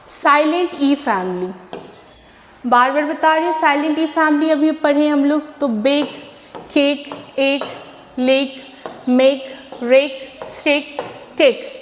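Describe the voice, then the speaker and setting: Woman phonics teacher, high voice, unhurried, echoey room with a long tail. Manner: patient, repeats words and asks rhetorical questions. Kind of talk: online English class in Hindi.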